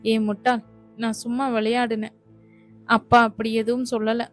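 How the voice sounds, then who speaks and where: A woman voicing a playful young woman who teases and reassures her lover, in a flat reading. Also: a little high, moderate pace, faint music behind, close to an everyday voice. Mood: teasing. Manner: teasing, reassuring. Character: young sweetheart Nila, mischievous and loving.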